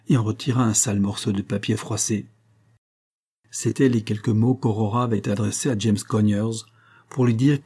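A male audiobook narrator reads a classic novel in a measured, steady way. His voice is dark and mellow, with a husky, breathy grain. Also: on the low side.

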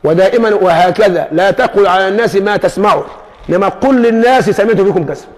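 A man's voice: sits high, quick pace. A man with an Egyptian accent teaching a religious lesson, telling stories and acting out the dialogue with teasing asides. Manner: lively storytelling that acts out dialogue with teasing asides. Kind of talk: explaining hadith in a lesson. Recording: long hall reverb.

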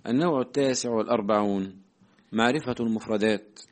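A man's voice: fairly low pitch, quick pace. A man, a student in a class, reading a classical Arabic text aloud to his teacher and answering briefly. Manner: reads steadily, answers briefly.

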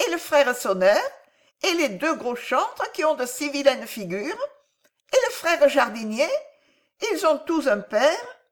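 A woman's voice: high-pitched, very animated, unhurried, voice pushed up. A woman reading an audiobook and voicing a small, lonely orphan boy who asks pleading questions. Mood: plaintive questioning.

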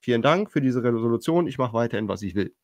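A man's voice: mid-range voice, lively intonation, fast talker, no room sound. A man hosting a casual panel podcast, reading out news items and commenting with many hesitations. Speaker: podcast host.

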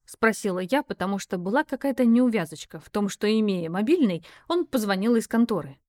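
A woman reading a first-person story aloud with a wry, expressive delivery. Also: medium pitch, fairly quick, no echo, clean studio sound. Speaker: audiobook narrator. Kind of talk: first-person audiobook narration.

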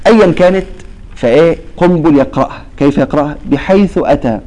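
A man's voice: a little high, mellow, rough recording. A man with an Egyptian accent who teaches Quran recitation to a class. He keeps asking his students to fill in the word he is about to say, and he draws out the verses he recites. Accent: Egyptian Arabic. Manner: quizzes students with fill-in-the-blank questions; slow, drawn-out recitation of verses. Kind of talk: classroom lesson.

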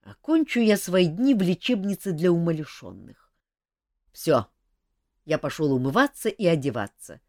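A woman voicing an irritable, grumpy adult king who scolds gruffly. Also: low voice, a little mellow, dry recording, clean studio sound.

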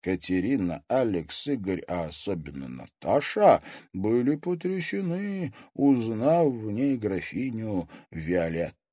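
Male audiobook narrator, measured, animated pitch, dry booth. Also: no echo.

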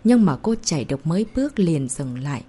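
A woman narrating a novel as an audiobook in a steady storytelling manner. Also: deep voice, brisk, breathy edge.

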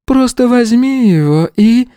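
A masked woman commander, authoritative and gentle at once, as a man puts her on in a raised voice. Her orders come slow and measured. The reading is dry and close, in an audiobook. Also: very high-pitched, animated, smooth, no echo, voice pushed up. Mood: commanding.

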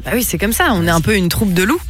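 A woman's voice: medium pitch, sing-song, fast. A woman co-hosting a radio show in casual banter, speaking assertively.

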